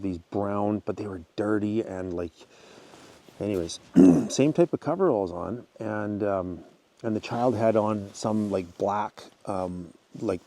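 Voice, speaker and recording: A man with a low, mellow voice tells an outdoors story in a loose, rambling way. He leans on fillers, doubles back on his words and keeps clearing his throat. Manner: rambling, full of fillers and restarts. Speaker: wilderness storyteller. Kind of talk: casual spoken storytelling.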